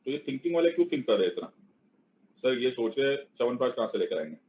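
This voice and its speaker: Playful teacher, slightly lo-fi sound. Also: male voice, medium pitch, very animated, fast talker, darkish tone. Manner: playful, mixes Hindi and English, keeps checking understanding. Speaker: online civics teacher. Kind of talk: live class lecture.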